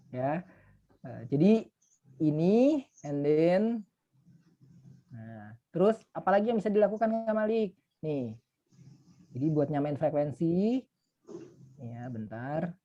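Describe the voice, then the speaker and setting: A man's voice: on the high side, mellow, lo-fi sound. A man in his thirties, a youth mentor, giving a casual, chatty online talk full of fillers and asides. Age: 30s.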